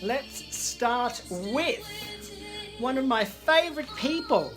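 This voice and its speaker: With disco music behind her, a high-voiced woman gushes theatrically through an online story time, addressing her viewers as darlings during a chatty show and tell. She sounds animated but takes it slowly.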